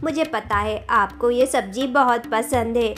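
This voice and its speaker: A stubborn young daughter-in-law sasses back in a cartoon story, as a woman voices her. Her voice is fairly high and mocking. Light music runs underneath. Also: measured pace, fairly bright tone. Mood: sassy. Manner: sassy, mocking. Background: background music.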